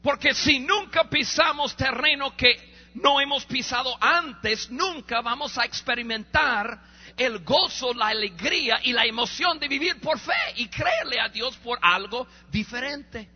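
A man preaching a sermon as a story, animated and acting out voices, stammering when excited. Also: very high-pitched, unhurried. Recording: reverberant hall, dull lo-fi sound.

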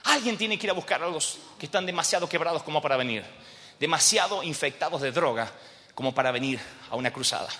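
A male preacher delivers an emphatic sermon and calls out to the crowd for answers. His voice is bright and forceful, set slightly high, and the large hall carries a long reverb behind him. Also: fast. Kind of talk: sermon at a pastors' congress.

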